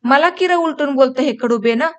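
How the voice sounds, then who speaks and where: A woman's voice: high-pitched, fairly quick, lightly acted. A woman reading the lines of a harsh, angry older village father in a storybook. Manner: harsh, scolding.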